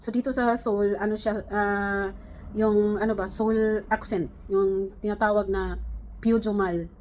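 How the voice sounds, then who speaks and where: A woman's voice: mid-range voice, fairly even intonation, a little slow, darkish tone, a little hiss or hum. A middle-aged woman from the Philippines, chatting casually to camera, rambling with many fillers and restarts. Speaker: vlogger.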